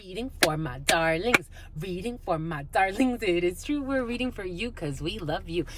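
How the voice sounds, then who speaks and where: Hosting an intuitive spiritual reading, a woman with a lowish voice talks casually and off the cuff at a moderate pace with lively intonation. She rambles, repeats phrases, and often throws in "like," over heavy background noise.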